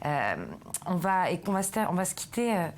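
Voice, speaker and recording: A woman's voice: on the low side, animated, brisk, a little hiss or hum. A woman hosting a TV culture interview in a studio, asking questions with frequent hesitant fillers. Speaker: TV culture host.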